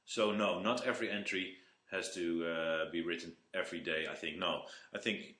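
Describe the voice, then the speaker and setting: A man giving a live webinar talk, halting and restarting words often, with self-deprecating jokes. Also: sits low, fairly even intonation, pushed and bright, roomy sound. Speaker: webinar speaker.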